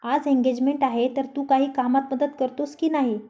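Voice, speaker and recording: A woman's voice: high-pitched, steady tone, moderate pace, muffled recording, natural voice. A woman voicing a middle-aged mother who scolds her son and sends him to help, in a storybook reading. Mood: scolding. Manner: scolding, instructive. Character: middle-aged mother, stern but caring.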